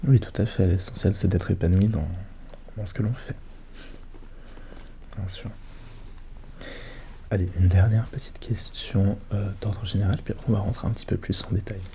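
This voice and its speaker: A man doing a soft-spoken, ASMR role-play as a psychologist, questioning gently and attentively in a hushed voice that drifts into speaks softly. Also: on the low side, steady tone, normal speed, long pauses, slight background noise. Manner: gentle, attentive questioning with short murmured acknowledgements.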